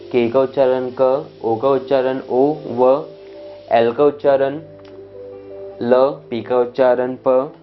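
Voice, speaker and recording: Slow, deliberate male teacher, lo-fi sound. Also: medium pitch. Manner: deliberate, repeats letters and sounds one by one. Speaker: spoken English teacher. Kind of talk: slow explanatory lesson. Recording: dull lo-fi sound with faint music.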